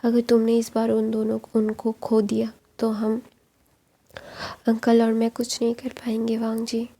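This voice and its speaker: A calm older brother pleading earnestly in a hushed, steady voice, as a woman narrator does him. The tone is dark and flat, with a raspy, husky grain. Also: fairly high pitch, a little slow.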